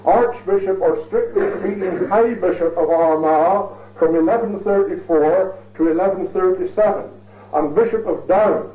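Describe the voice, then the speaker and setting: Man, high voice, formal lecturer, ornate delivery, heard through a thin, phone-like recording. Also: slight background noise. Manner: measured, ornate, repeats phrases for emphasis. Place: lecture hall. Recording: tinny, echoey recording from far off.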